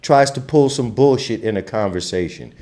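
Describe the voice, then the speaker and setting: A man's voice: mid-range voice, expressive, moderate pace. A man from Trinidad and Tobago, giving an impassioned, emphatic commentary as a channel host. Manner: impassioned, emphatic, grows louder when fired up. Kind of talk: opinionated commentary monologue.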